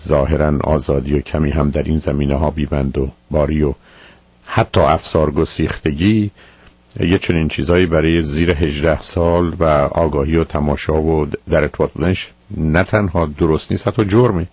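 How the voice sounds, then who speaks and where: A man with a very deep, husky voice hosts a call-in advice show on the radio and speaks in a calm, measured way. The sound is dull and lo-fi, in a dry broadcast studio. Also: no echo.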